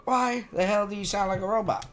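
A man's voice: high voice, brisk, faint music behind. A man giving casual live-stream commentary while playing a game, swearing freely. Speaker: gaming streamer.

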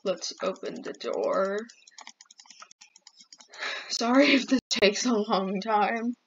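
A woman's voice: mid-range voice, slow, a little hiss or hum. A woman commenting while she plays a game, jumpy and easily flustered, often exclaiming. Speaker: gamer. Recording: dull lo-fi mic.

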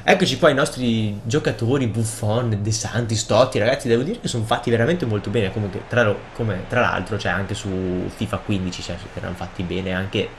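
A young man with a cold and sore throat, casually commenting on his own football video game match and bursting into shouts at goals. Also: lowish voice, fairly quick, few pauses, slight background noise. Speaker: gaming video host.

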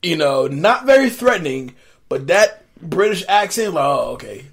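A man co-hosting a casual movie recap chat, easygoing and agreeable, often trailing off quietly. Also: high voice, sing-song, normal speed, breathy edge. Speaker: co-host of a movie recap show.

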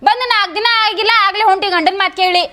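A woman's voice: extremely high pitch, rapid-fire, pushed and bright. A young woman, playing an emotional, pleading elder sister in a scripted comedy skit. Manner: emotional, pleading, then scheming.

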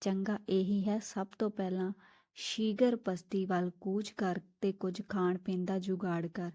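Lady reading as a kind old holy man, gentle, coaxing, even flat tone. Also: mid-range voice, unhurried, no room sound, clean studio sound, natural voice. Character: gentle older male wandering ascetic, kindly guru.

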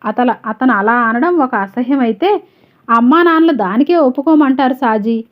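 A woman's voice: sits high, expressive, normal speed. Woman reading as a proud, wronged wife. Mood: bitter. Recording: slightly dull, lo-fi audio.

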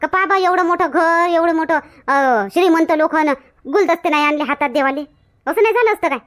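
A woman's voice: very high-pitched, fairly quick, a bit bright. A woman acting in a village comedy skit, talking in a scolding, chatty way. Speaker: comedy sketch actor.

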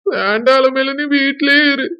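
A woman's voice: high-pitched, measured pace, pushed and bright, no echo, highs cut off. A woman voicing a young village husband with a Kanyakumari accent, pleading and blaming himself in a village drama. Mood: grieving. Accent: Kanyakumari Tamil. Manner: pleading, self-blaming lament. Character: young village man, remorseful, tender to wife.

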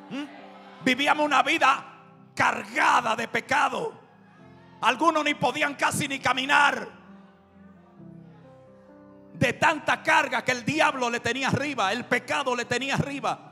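A male pastor preaching a sermon with impassioned shouting and storytelling. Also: very high voice, vocal fry. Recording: reverberant hall with music behind.

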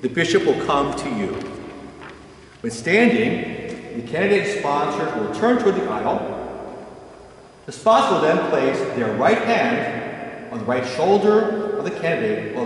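An older man, a parish pastor, calmly walking listeners through a church ceremony in plain terms, often restarting his phrases. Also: fairly high pitch, a little slow. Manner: calm, plain explaining with frequent restarts. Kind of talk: instructional walkthrough. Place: large empty church. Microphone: far camera. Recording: echoey church from far off.

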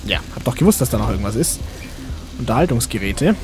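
A man hosts a let's play in a very animated, mid-pitched voice. He chats casually and rambles to himself and to the characters, with game music clearly behind him. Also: fast.

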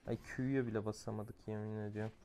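A young man giving casual commentary over his own mobile gameplay, excitable, going from muttered grumbling to shouted outbursts. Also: fairly low pitch, fast. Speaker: gamer playing a mobile game.

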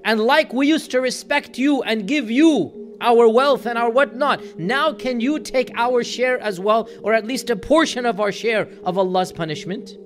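A man's voice: very high-pitched, moderate pace, few pauses. A man giving an earnest religious lecture, explaining a scripture passage with emphatic, building delivery. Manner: earnest, emphatic, voices quoted crowds with rising intensity. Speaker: Islamic lecturer.

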